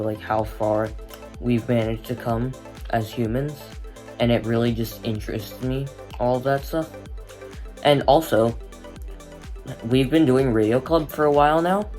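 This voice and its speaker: A man's voice: mid-range voice, darkish tone. A young male student giving a casual introduction about himself. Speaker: student radio club member.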